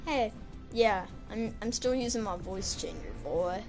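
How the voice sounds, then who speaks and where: A woman chatting playfully over a game, her voice run through a voice changer that shifts its pitch. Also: a little slow, darkish tone, soft background music. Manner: giggly, playful, keeps switching voices. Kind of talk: casual game voice chat.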